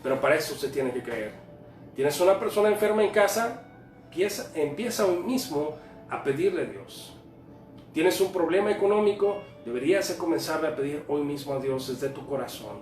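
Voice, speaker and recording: Earnest high-voiced male preacher. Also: expressive, moderate pace, darkish tone. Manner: earnest, repetitive preaching cadence. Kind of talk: sermon. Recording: roomy, distant, faint music behind.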